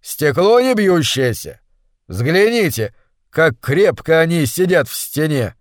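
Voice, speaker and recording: A man voicing a dignified hermit who has lived by a waterfall for decades, speaking loudly, almost shouting. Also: mid-range voice, slow, no room sound, studio quality, lightly acted. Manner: loud, near-shouting delivery.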